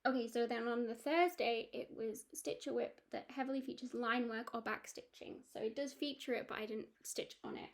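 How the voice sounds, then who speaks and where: A woman's voice: on the high side, a little fast, few pauses. A woman chatting casually about her cross-stitch projects, rambling with lots of ums and restarts. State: has the hiccups. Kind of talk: casual chat.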